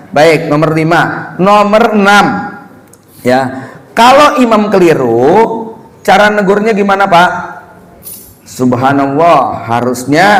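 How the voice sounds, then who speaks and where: Animated preacher in a reverberant hall. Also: male voice, a little high. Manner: lively, rising loud for emphasis, addressing the congregation. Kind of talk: sermon.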